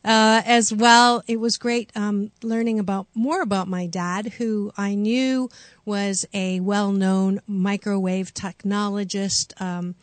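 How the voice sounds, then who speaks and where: A woman's voice: medium pitch, steady tone, slow pace, no room sound. Chatty lady doing a casual radio show, exclaims a bit, very dry studio. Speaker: radio talk show host. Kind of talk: casual talk radio monologue.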